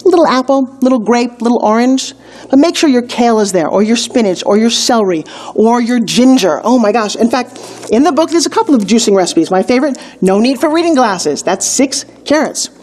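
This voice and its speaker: A middle-aged woman with a fairly high voice, talking through a casual video lesson. She is chatty and playful and keeps up lively asides as she explains. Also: fairly quick. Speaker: wellness instructor.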